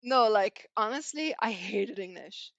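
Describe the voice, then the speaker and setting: A woman's voice: mid-range voice, animated, a little slow, creaky, no room sound, dull audio. A young woman from Belgium, a native Flemish speaker with a slight Irish twang, chatting casually as a podcast guest and filling her talk with "like" and "you know".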